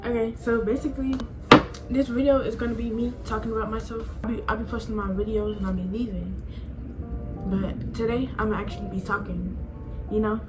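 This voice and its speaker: A woman's voice: on the high side, fairly even intonation, fairly quick, poor audio. 18 yr old girl rambling to her camera, like every other word, music playing behind. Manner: chatty, rambling, says "like" a lot. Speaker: vlogger. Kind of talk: casual talk to camera.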